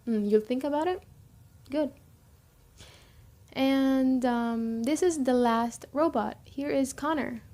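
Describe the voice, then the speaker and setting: Playing a young camp chief surviving the zombie apocalypse, a woman in a roleplay audio drama speaks in a high, mellow voice. She explains matters conversationally and helpfully, businesslike yet pausing with hesitation.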